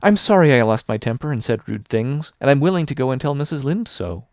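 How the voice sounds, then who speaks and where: Guy doing a dramatic little orphan girl, gushing and over the top, pitch jumping way up. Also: sing-song, brisk, darkish tone, no echo, clean studio sound. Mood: contrite. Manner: gushing, theatrical pleading. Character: dramatic imaginative orphan girl, about eleven.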